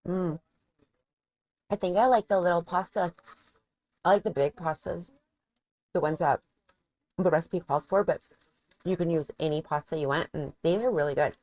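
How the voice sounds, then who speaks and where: A woman's voice: fairly low pitch, normal speed, long pauses, darkish tone, dry recording. A woman vlogging a cooking demonstration in her home kitchen, chatting casually and thinking aloud as she cooks and tastes.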